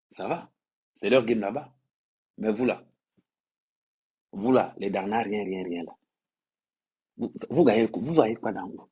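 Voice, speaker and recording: Livestreaming to his followers, a Cameroonian social media influencer rants and scolds his audience, repeating phrases to drive them home. He has a mid-range, slightly mellow voice with a breathy edge.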